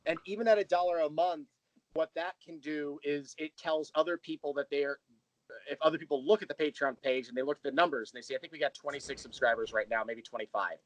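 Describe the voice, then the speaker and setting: A man with a fairly high, quick voice chats casually and animatedly as a podcast guest and creator, talking about his work with enthusiasm in an interview. The recording is dry and rough.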